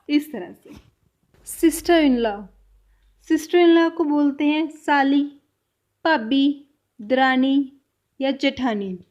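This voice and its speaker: A woman with a high voice teaches a language lesson. She speaks in an unhurried way and repeats every word slowly and carefully, as if for beginners. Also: darkish tone. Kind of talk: slow vocabulary lesson.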